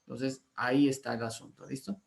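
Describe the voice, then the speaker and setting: A man's voice: mid-range voice, steady tone, brisk, gravelly. A man, a pastor teaching an online Bible class, often asking if he is understood. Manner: rhetorical questions to check understanding.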